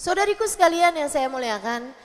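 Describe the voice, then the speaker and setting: A woman's voice: high voice, lively intonation, fairly quick, in a large hall. A woman preacher gives a chatty, humorous sermon to a women's study gathering, acting out mothers and children. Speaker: Islamic preacher. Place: religious study gathering in a hall.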